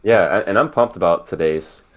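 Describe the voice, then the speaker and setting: An American man co-hosting a casual podcast, laid-back and halting, with many fillers. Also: low-pitched. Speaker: podcast co-host. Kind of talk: casual chat.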